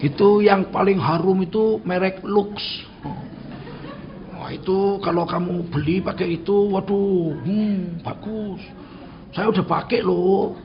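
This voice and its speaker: A blunt older preacher from Sumatra with a Medan accent, his voice sitting high for a man as he acts out lively dialogues in his sermon. The recording is dull and lo-fi, with a faint hiss under it. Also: slow pace. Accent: Medan Indonesian. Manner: blunt, animated storytelling, acting out dialogues.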